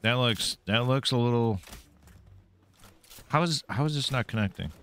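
A man's voice: medium pitch, normal speed, fairly bright tone, clean tone. A man streaming a game live, commenting casually, swearing freely and taunting the enemies he fights.

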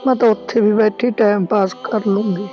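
An older woman playing a gentle, self-sacrificing old mother who speaks slowly and softly, soothing her son. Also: mid-range voice, steady tone, highs cut off, faint music behind, lightly acted. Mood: soothing, resigned. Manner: slow, soft-spoken, soothing.

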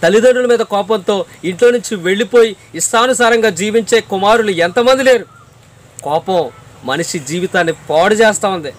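Earnest preacher man, high voice. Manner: earnest, repeats phrases for emphasis, addresses listener directly.

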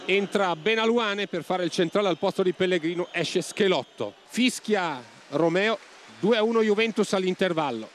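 A man giving football highlights commentary in clipped, telegraphic phrases, as a scripted match report. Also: expressive, normal speed, slight background noise.

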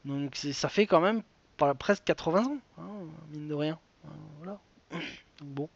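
A man's voice: on the high side, a little slow, dry recording, dull audio. A man hosting a live web quiz show, chatty and digressive, reading questions and wandering into side stories with many fillers.

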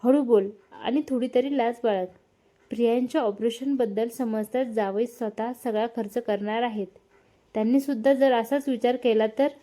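A woman's voice: fairly high pitch, steady tone, normal speed, natural voice. A woman voicing a firm, caring middle-aged uncle who scolds his wife in a family story read aloud. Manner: firm, scolding, rising to a shout.

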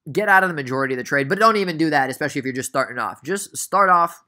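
A man's voice: on the high side, animated, rapid-fire, bright, forceful tone. A young man casually recapping a stock trade for beginners, chatty and prone to rambling tangents. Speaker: trading educator.

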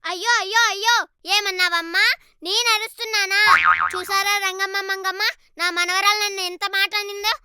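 A woman's voice: very high voice, steady tone, brisk, slight background noise, full character voice. [name], a girl playing a nagging old granny. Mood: complaining. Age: child. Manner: wailing "ayyo ayyo", sharp scolding. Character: nagging old grandmother, scolding, self-pitying. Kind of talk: comedy skit acting.

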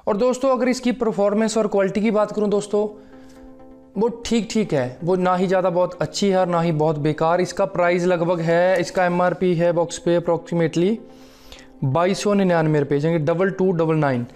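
A man's voice: sits high, fairly even intonation, normal speed, darkish tone, soft background music. A young man reviewing a fitness supplement to camera from his living room, explaining in a friendly way and often calling out to viewers as friends. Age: young adult. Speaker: fitness vlogger. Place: living room at home, seated on sofa. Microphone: lapel mic.

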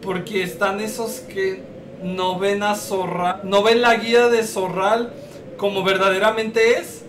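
A man's voice: high voice, flat delivery, measured pace, far from the mic. A man streaming a game, crude and joking, a little tipsy. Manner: crude, joking, loud outbursts. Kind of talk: casual game streaming, translating game text aloud. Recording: echoey room with background noise, off-mic.

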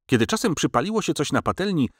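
A man reading a novel aloud as an audiobook narrator, with measured, expressive storytelling on a close studio mic. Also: fairly high pitch, husky, no echo. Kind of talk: scripted literary narration. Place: recording studio.

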